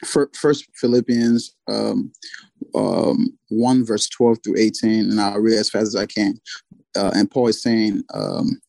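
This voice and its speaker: Man, podcast co-host, reads scripture haltingly, dark mellow tone, dry close sound. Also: lowish voice, fairly even intonation, gravelly, no echo, rough recording. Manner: halting, with many fillers and restarts. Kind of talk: faith discussion, reading scripture aloud.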